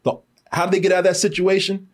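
Husky man, slangy and profane. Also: sits high, monotone, fast. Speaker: podcast movie reviewer. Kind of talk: casual chat.

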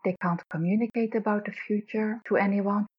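A woman with a Dutch accent speaking earnestly as a podcast guest, phrasing deliberately in short pieces. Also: mid-range voice, fairly even intonation, breathy edge. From Netherlands. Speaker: guest co-host, leadership coach. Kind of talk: podcast interview talk. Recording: dull lo-fi audio.

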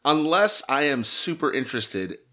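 Lively-voiced joking podcast guy. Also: on the high side. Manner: joking, quick reactions. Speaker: podcast co-host. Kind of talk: casual chat.

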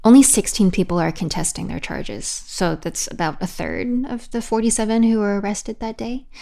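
A woman correspondent explaining events in a measured way on a news podcast. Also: mid-range voice, lively intonation, creaky, warm tone. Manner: measured, explanatory, occasional restarts. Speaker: correspondent guest.

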